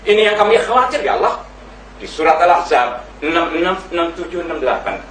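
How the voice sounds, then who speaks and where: A man's voice: fairly high pitch, big pitch swings, fast talker, fairly bright tone, distant mic, slight background noise. Man arguing in an echoey hall. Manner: recites Quranic verses in Arabic, acts out pleading voices. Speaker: debate speaker. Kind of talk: impassioned religious debate argument.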